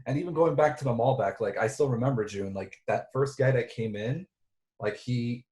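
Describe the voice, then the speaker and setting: A man reminiscing in a loose, rambling way, often restarting his sentences. His voice has a middling pitch. The recording is roomy and echoey. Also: normal speed, a little mellow. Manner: rambling, many restarts and fillers. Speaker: director and writer. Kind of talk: casual reunion chat. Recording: roomy echo.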